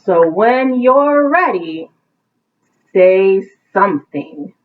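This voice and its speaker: Very slowly and with lively intonation, a woman with a mid-range voice reads a picture book aloud to children as a teacher at bedtime. Encouraging asides break things down simply, and the recording has thin, phone-like narrowband audio.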